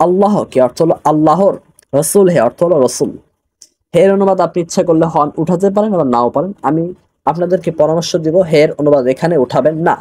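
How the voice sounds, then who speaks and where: A young man with a Bangladeshi Bengali accent teaching an online religious studies class, slowly translating phrases word by word and repeating them. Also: on the high side, mellow, dry recording.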